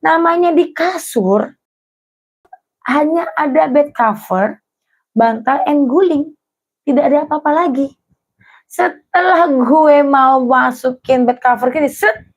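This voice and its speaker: A young adult woman casually telling her own true horror stories to viewers on a live stream, in a chatty, slangy way. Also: fairly high pitch. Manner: chatty, slangy, lively storytelling. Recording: dull lo-fi stream audio.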